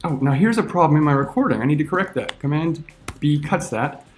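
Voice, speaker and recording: A teacher walks through a video-editing lesson, narrating each click as he makes it. His voice sits a little high for a man. Soft music plays faintly underneath. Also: lively intonation, brisk. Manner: talks through each step while clicking. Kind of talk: screen-recorded software tutorial.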